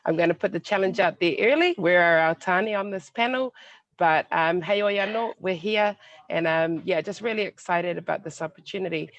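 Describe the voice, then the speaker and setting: A woman's voice: fairly low pitch, a little fast, no room sound. A woman introducing herself as a program manager on an online panel. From New Zealand. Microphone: video call. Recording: slightly dull video call audio.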